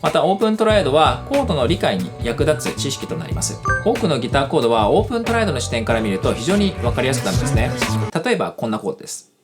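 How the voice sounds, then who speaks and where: Man, guitar teacher, quick and lively delivery, polite explainer, guitar playing behind. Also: medium pitch. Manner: polite, explanatory, with casual fillers. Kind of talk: scripted lesson narration. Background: guitar music.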